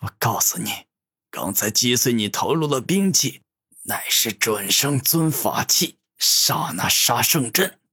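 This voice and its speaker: A man's voice: mid-range voice, lively intonation, unhurried, husky, dry recording, studio quality, full character voice. A man doing a proud furious villain. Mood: gloating. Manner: angry, defiant shouting.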